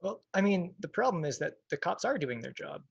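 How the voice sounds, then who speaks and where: Male activist guest, gravelly and husky, thoughtful and hedging, over a dull, dry video call. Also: on the high side, big pitch swings, brisk, no echo. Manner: thoughtful, hedging, full of "like" and "you know". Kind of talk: casual livestream interview.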